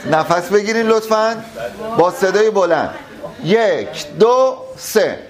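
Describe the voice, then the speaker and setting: A man's voice: sits high, loud music behind the voice. A man teaching public speaking at a live workshop, emphatic and addressing the audience directly.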